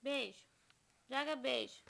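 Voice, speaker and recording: A woman's voice: high voice, takes it slowly, gravelly, fairly bright tone, a little hiss or hum. A mother, coaxing her baby in sing-song baby talk on a home video.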